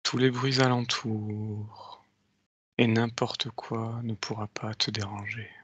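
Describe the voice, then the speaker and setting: A man guides a hypnosis induction in a slow hypnotist voice, leaving space between phrases. His mid-pitched tone is bright and clearly present, recorded very dry on a close mic. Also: little pitch movement, dry recording.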